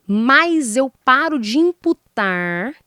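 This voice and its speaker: Animated woman psychologist explaining. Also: sits high, slow pace. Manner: didactic, acts out example dialogues, rhetorical questions. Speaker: psychologist guest. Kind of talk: explanatory interview talk.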